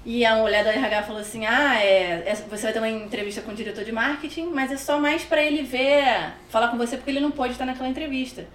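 Brazilian lady guest talking fast and animated, a bit high, sounds far from the mic. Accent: Brazilian Portuguese. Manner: animated, slangy, acts out quoted dialogue. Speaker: podcast guest. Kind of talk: casual storytelling chat. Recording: roomy, distant mic, faint music.

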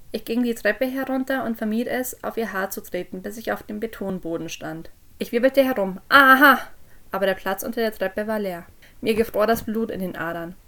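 A woman narrating a creepy first-person story for a podcast, dropping low and quiet on the eerie moments. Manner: drops low and quiet on eerie lines, raises voice for called-out quotes. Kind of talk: scripted horror story narration.

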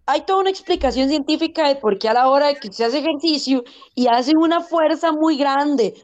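A woman's voice: sits high, brisk, lo-fi sound. A woman with a Costa Rican accent, a guest on a casual podcast, speaking in a blunt, emphatic way. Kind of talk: casual chat.

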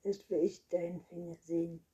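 A woman with a breathy voice voicing a gruff, hungry big male vampire in a storybook reading, snapping out short commands. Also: lowish voice, level tone, moderate pace, dark tone, lo-fi sound. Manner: snaps and growls short commands.

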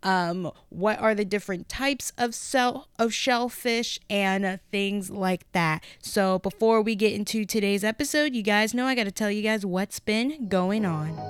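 A woman's voice: medium pitch, a little slow, hardly any pauses. A woman hosting a podcast in a casual, chatty, informal way, speaking with a lisp. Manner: informal, peppered with "like" and "you guys". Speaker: podcast host.

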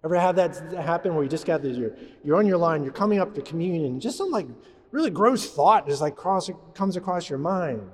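A male priest preaching in a church with a slightly raised pitch. He talks in a loose, conversational way and keeps putting questions to the people in the pews. His voice carries a long church reverb. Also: lively intonation, a little fast. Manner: conversational, asks the congregation questions. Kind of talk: sermon.

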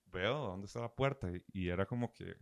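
A man's voice: low-pitched, fairly quick, creaky. A young Costa Rican man telling a rambling story in casual podcast chat, swearing often and asking "right?" again and again. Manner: rambling, animated, swears often, says "¿verdad?" often. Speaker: podcast host.

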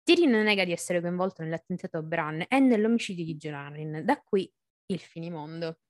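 In a clean studio recording with no echo, a woman with a fairly low, expressive voice hosts a podcast at a slightly quick pace. She chats casually about a novel in book-club style, reads passages aloud, and laughs often.

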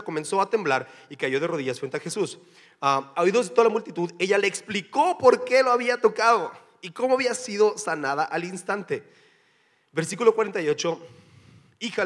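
A man's voice: sits high, a bit bright. A man with a Mexican Spanish accent preaching a sermon as pastor, in a casual, joking, slangy way. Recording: long hall reverb.

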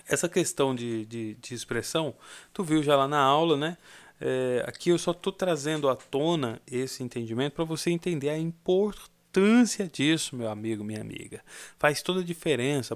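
A young Brazilian man giving a casual singing lesson, explaining and singing short demo phrases. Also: mid-range voice. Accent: Brazilian Portuguese. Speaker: singing teacher.

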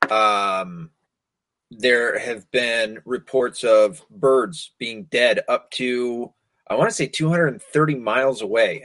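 An American podcast host rants sarcastically on a casual talk show, swearing constantly and stumbling over hard words. His voice is medium-pitched, with no echo.

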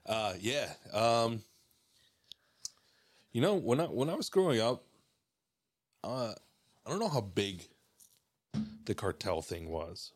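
A man from Mexico, a podcast guest, talking in a relaxed, rambling way with lots of fillers and restarts. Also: mid-range voice, slow, long pauses, no echo. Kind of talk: casual podcast chat.

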